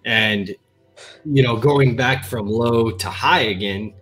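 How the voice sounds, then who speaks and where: Speaking slowly in a medium-pitched, somewhat bright voice, a young man runs a casual livestream from an indoor room, seated in a gaming chair. He chats and reads viewer comments aloud on a headset mic, and the recording quality is low.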